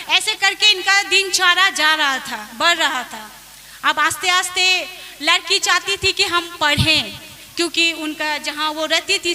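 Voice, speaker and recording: A woman pastor delivers a testimony sermon in a very high, bright voice. She speaks slowly, repeats her phrases and keeps saying hallelujah. A faint hiss runs under the recording.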